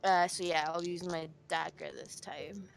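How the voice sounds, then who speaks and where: A woman from Scotland playing a tabletop game, talking hesitantly and filling pauses with um. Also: lowish voice, fairly even intonation, creaky, slight background noise. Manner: hesitant, full of ums. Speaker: player. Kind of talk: casual tabletop game chat.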